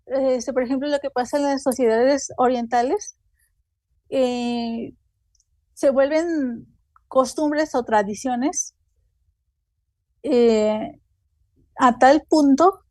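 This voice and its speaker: Halting Mexican woman, dark dry voice. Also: high-pitched, dry recording. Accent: Mexican Spanish. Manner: halting, many fillers like "este" and "eh". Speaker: seminar speaker. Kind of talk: academic talk, loosely read.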